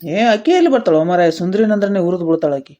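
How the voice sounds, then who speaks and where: A woman's voice: lowish voice, big pitch swings, fast, dark tone, muffled recording. A woman voicing a teasing older uncle in a cartoon, speaking in a drawling manner. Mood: suspicious. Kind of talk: cartoon dialogue acting.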